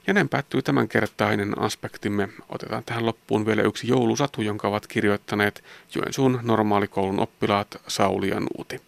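Male host reading a story, gravelly voice, dry close sound. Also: lowish voice, fairly even intonation, no echo. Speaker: TV magazine host. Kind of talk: presenting and story narration.

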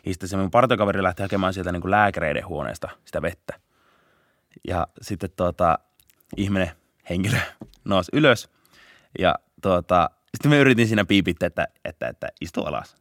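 A young man, a police officer, telling a story in a casual podcast interview, laughing often and shouting out bursts of the chase. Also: deep voice, no echo, clean studio sound. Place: podcast studio.

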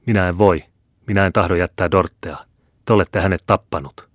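A man's voice: low-pitched, fairly even intonation, no room sound, clean studio sound. Trembling scared young noblewoman, man doing her, pleading. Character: frightened grieving young noblewoman.

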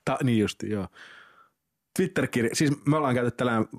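A man hosting a casual interview podcast, reading out old quotes and tossing in quick casual remarks. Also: mid-range voice, dry recording, clean studio sound. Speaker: podcast host.

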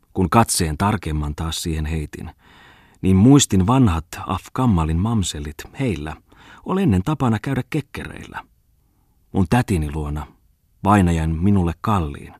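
A man's voice: deep voice, a little mellow, husky, no echo, studio quality. A male audiobook reader voicing a pompous young poet who declaims satirical rhymed verse.

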